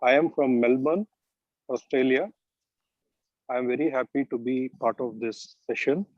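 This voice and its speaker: A man's voice: medium pitch, normal speed, no room sound, muffled recording. A man greeting a video meeting formally, with a string of devotional salutations. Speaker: meeting participant. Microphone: video call.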